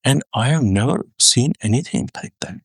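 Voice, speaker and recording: A man in his thirties giving an explanatory tech talk, conversational with restarts and fillers, getting animated as he explains. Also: normal speed, husky, no room sound. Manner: animated, rising pitch when excited.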